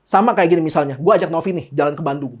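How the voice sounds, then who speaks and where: A man's voice: fairly high pitch, rapid-fire, breathy edge. Casual pastor, man, jokey, acts out dialogues. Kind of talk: casual sermon.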